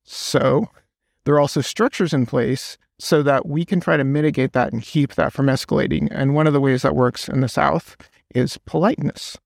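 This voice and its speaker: A man's voice: medium pitch, steady tone, moderate pace, creaky, dry recording, clean studio sound. A man, a podcast guest, explaining at length in casual conversation and telling stories with quoted voices.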